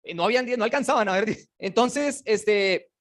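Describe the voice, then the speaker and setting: A man teaching a casual Bible class, animated and joking, and putting questions to his students. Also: high-pitched, normal speed. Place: classroom with slides.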